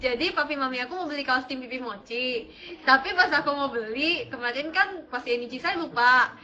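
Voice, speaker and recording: A woman's voice: sits high, normal speed, bright, forceful tone. A young woman with a Jakarta Indonesian accent and a slurred r, chatting playfully as she answers viewers on a casual livestream. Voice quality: slurred r (cadel). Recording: slightly dull lo-fi stream audio.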